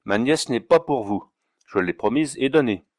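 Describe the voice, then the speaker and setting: A man's voice: mid-range voice, lively intonation, moderate pace, no echo, close to an everyday voice. A stern, sour older aunt lays down the law in clipped, severe tones, as a male narrator puts her on. The recording is dry and close. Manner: sharp, curt, severe.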